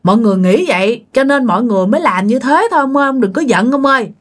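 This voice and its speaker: A woman's voice: a little high, animated, racing. A woman voices a frightened widow begging her dead husband not to be angry. She keeps repeating her appeals in a slightly raised voice. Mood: pleading.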